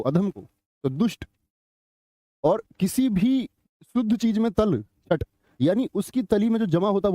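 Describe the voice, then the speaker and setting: A man's voice: high voice, dark tone, no room sound. A middle-aged man teaching a live online grammar class, chatty, telling anecdotes and quizzing students.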